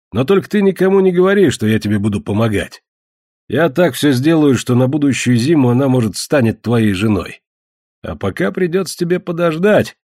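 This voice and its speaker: A man voicing a sly, mocking trader who banters loudly and teases everyone. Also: medium pitch, no echo, studio quality. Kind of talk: audiobook character voice.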